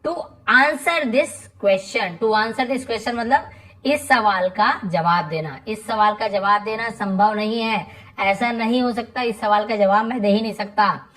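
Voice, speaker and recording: A woman's voice: medium pitch, fairly bright tone, poor audio. A woman teacher giving an English translation lesson. She goes word by word, repeats each meaning, and asks her students rhetorical questions. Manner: reads English phrases slowly and deliberately.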